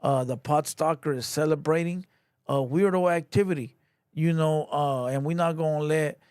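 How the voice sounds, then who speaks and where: A man's voice: fairly high pitch, fairly even intonation, normal speed, darkish tone, clean tone, no room sound, studio quality. A man casually chatting on his livestream, loose and slangy, with lots of "you know" and "bro". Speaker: livestream host.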